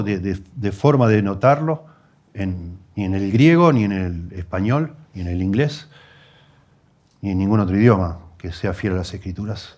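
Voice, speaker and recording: A man with a Rioplatense Spanish accent preaching an expository sermon, teaching his congregation with rhetorical questions and emphatic repetition, often dropping to quiet asides. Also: lowish voice. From Argentina.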